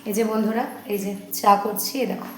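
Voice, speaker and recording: A woman with a hoarse voice chatting casually in a home vlog, often stopping to talk to her baby. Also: medium pitch, little pitch movement, fast, echoey room, heavy background noise. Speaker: vlogger.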